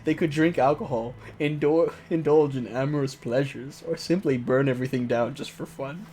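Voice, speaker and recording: Reading a visual novel's story text theatrically, a man hosting a let's play keeps stepping out of the narration for joking, exclamatory asides. He speaks at a normal speed in a mellow, mid-range voice, and his home recording carries clear background noise.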